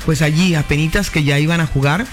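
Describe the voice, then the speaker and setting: A woman co-hosting a morning radio show, teasing and quick to correct her partner. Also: low voice, steady tone, faint music behind. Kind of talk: casual radio chat.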